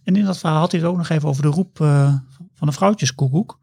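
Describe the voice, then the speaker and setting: A man's voice: a little high, fast talker. A man hosting a podcast who links the segments and hesitates with filler sounds. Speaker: podcast host. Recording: noisy, gravelly recording.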